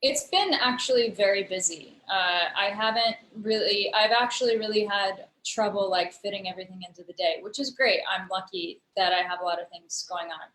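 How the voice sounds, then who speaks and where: Heard over a video call, a US woman who works as a digital storyteller and musician explains her work at length in a casual remote interview, thoughtful and full of fillers. She speaks at medium pitch and normal speed with few pauses and a fairly bright tone. The rough recording sounds roomy, with a little hiss or hum.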